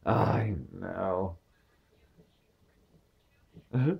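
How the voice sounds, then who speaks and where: A man in casual chat who agrees warmly and gushes with reassurance. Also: low voice, creaky, slightly rough. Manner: agreeable, gushing, quick to reassure. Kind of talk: casual one-sided chat. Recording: dull lo-fi sound.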